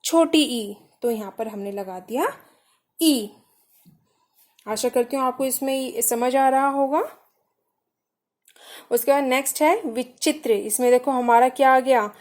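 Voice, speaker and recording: A woman's voice: high-pitched, a little slow, pauses often, a little mellow. A woman teaching a grammar lesson to children, patiently spelling out syllables one by one and asking questions that she then answers herself.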